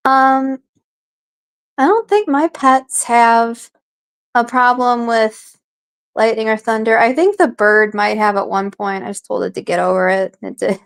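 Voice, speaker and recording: A woman hosting a relaxed live stream talks straight to her viewers in a chatty, meandering way, dropping curses and filler words freely. Her voice sits somewhat high for a woman. She reacts to comments as she reads them. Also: a little slow, smooth. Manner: rambling, profane, filler-heavy. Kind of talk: casual live-stream chat.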